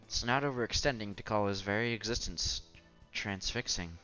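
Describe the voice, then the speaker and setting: Man narrating a game story, wry asides, mid-pitched, dull recording, faint music. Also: normal speed, bright, forceful tone. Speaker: let's play narrator. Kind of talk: reading a visual novel aloud with commentary. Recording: slightly dull with music behind.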